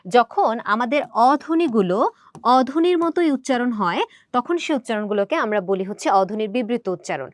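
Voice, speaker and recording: A woman's voice: on the high side, animated, dry recording, clean studio sound. A young woman teacher explaining grammar in an exam prep lesson, talking straight to her students. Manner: brisk, explanatory, addresses students directly.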